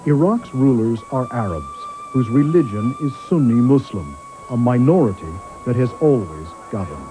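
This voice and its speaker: A man, a journalist, giving measured, grave documentary narration, heard from a worn VHS tape copy. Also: mid-range voice, animated, rough recording. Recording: faint music underneath, worn tape.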